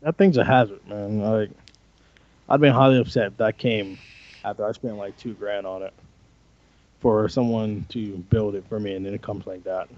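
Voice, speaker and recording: A man's voice: lowish voice, steady tone, normal speed, darkish tone, dull audio. A man co-hosting a casual podcast chat, joking and teasing. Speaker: podcast co-host.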